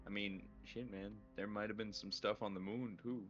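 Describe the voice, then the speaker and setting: A man's voice: on the low side, fairly even intonation, normal speed, fairly bright tone, soft background music. A man playing a tabletop game, talking casually and laid back, with some swearing. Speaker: player. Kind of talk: casual chat. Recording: lo-fi online voice call.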